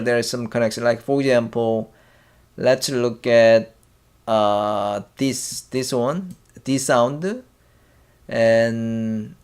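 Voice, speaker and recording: Slow, halting man teaching. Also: mid-range voice, clean tone. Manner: slow and halting, many fillers and restarts, drawn-out sounds for demonstration. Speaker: language teacher. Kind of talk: classroom language lesson.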